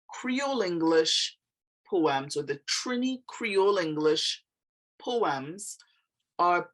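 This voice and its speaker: A woman presenting in a measured, explanatory style with careful, deliberate phrasing. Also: low-pitched. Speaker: presenter and author.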